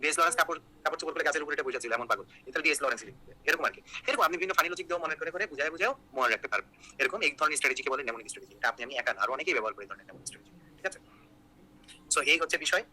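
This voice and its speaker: Fast-talking young man teaching. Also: fairly high pitch, lively intonation, pushed and bright, a little hiss or hum, poor audio. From Bangladesh. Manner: rapid, joking, repeats key points with "ঠিক আছে?". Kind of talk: online exam-prep class.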